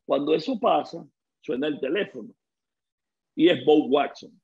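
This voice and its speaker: A middle-aged man with a Venezuelan accent, a guest on an interview show, telling stories in a lively way and acting out the dialogue he quotes. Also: fairly high pitch, normal speed, breathy edge, highs cut off. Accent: Venezuelan Spanish. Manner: lively storyteller who acts out quoted dialogue. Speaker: guest, former baseball player. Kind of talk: casual interview storytelling.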